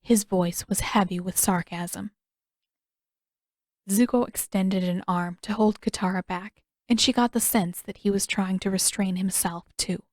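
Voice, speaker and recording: A woman narrating her own fan fiction audiobook, telling it in a measured and expressive way. Her voice sits in a middle range for a woman, and the recording is dry and close to the mic. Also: medium pitch, no echo.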